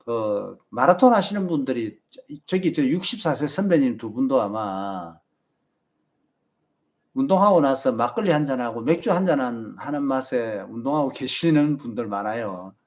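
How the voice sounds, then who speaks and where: Man, Busan Gyeongsang accent, marathon channel host, casual live chat, advice-giving, animated lively intonation. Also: mid-range voice, normal speed. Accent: Busan Gyeongsang Korean. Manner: chatty, advice-giving, reads viewer comments.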